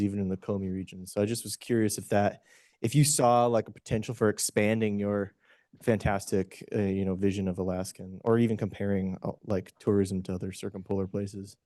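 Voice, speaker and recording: A man's voice: on the low side, mellow, dry recording, studio quality. A man from the audience asking a long, rambling question at a conference session, full of fillers and restarts.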